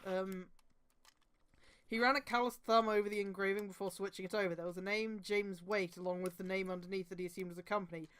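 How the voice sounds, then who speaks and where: A woman streamer with a clear, resonant, mid-range voice reads fan fiction fast, her intonation fairly even. Her delivery is mocking and dramatic, with casual, profane, exasperated asides and outbursts that often become laughter and shouting.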